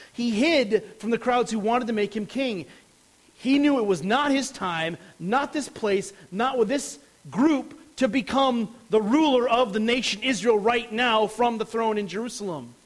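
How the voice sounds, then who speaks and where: A man's voice: high-pitched, normal speed, low-quality recording. A man preaching a sermon as a pastor, explaining a passage earnestly and stressing key words.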